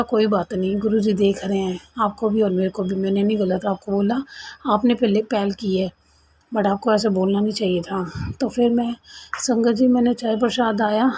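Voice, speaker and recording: A woman's voice: medium pitch, dark tone, slight background noise. A woman earnestly recounting a personal experience to a congregation, in a casual storytelling way with retold dialogue. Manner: earnest, conversational, retells quoted dialogue. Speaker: devotee sharing experience.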